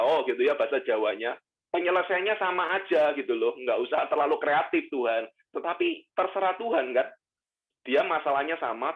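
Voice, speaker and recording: Lively man preaching over tinny sound. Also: a little high. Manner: lively preaching, mixing English phrases and Javanese slang. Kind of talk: sermon.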